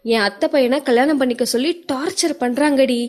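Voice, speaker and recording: A woman's voice: sits high, a little fast, darkish tone, lightly acted. A woman voicing a panicked young woman who pleads with her friend, sobbing between her words, in an audio story. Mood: upset complaining.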